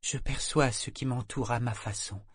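A man voicing a calm, stubborn young woman sailor. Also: medium pitch, moderate pace, breathy edge, no room sound, clean studio sound, lightly acted. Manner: quiet, steady and earnest. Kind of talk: audiobook character reading.

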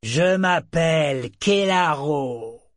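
A man voicing a huge, ravenous male sea serpent who bellows his lines loudly and high. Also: expressive, extremely slow, dry recording, clean studio sound. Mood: roaring.

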